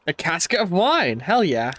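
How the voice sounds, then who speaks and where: Streaming a let's play with a stuffy nose, this man reads the game's text aloud, trips over words, and breaks into bursts of playful trash talk. His voice is a little high, fairly bright, and very animated at a normal pace, with faint game music in the background.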